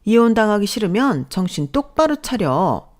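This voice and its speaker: A woman's voice: mid-range voice, big pitch swings, moderate pace, voice pushed up, close to an everyday voice. Woman doing a scornful domineering mother-in-law. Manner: contemptuous, berating.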